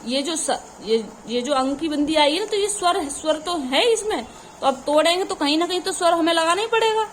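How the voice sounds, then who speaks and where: A woman with a high voice teaches a grammar lesson for exam preparation. She keeps asking her students questions and then answers them herself. A faint hum of background noise sits under her voice. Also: animated, fairly quick. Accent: Hindi. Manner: calls the audience "children", asks questions and answers them herself.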